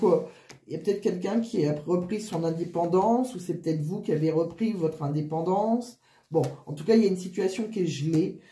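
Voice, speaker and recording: A woman giving a casual card reading, wheezy and short of breath with flu, halting and often restarting her phrases. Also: fairly low pitch, mellow, roomy sound. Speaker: tarot card reader.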